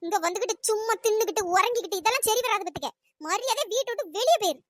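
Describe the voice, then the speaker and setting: A performer voicing a domineering older mother-in-law who shouts and berates her daughter-in-law in a cartoon. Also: very high-pitched, expressive, very fast, no echo, clean studio sound. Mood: scolding. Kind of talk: cartoon voice acting.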